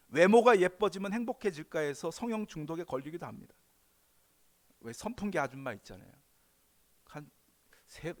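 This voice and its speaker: A male pastor preaching a sermon in an animated way, swinging between loud emphatic bursts and quiet asides. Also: high-pitched.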